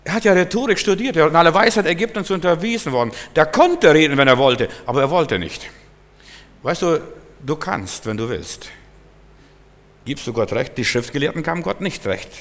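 Preacher in a reverberant hall. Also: male voice, fairly high pitch, expressive, moderate pace, a bit bright. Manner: emphatic, acts out Bible scenes in voices. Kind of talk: sermon.

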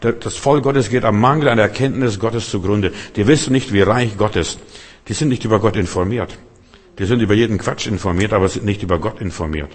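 A man with a fairly low voice preaches with emphatic, insistent delivery, addressing the listener head-on in short repeated phrases. His words ring out with a long reverb tail, as in a large hall or church. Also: brisk, husky. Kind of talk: sermon.

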